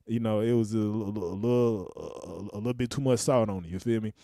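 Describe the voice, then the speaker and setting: A man's voice: lowish voice, brisk, dark tone, no room sound, studio quality. A man hosting a livestream call-in panel, bantering casually with slang and chuckles. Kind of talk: casual chat.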